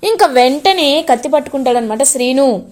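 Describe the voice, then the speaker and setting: A woman's voice: high-pitched, normal speed. A woman casually retelling a TV serial episode, switching into the characters' lines as she goes. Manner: animated, jumps into voicing each character's lines. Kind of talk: casual storytelling recap with acted dialogue.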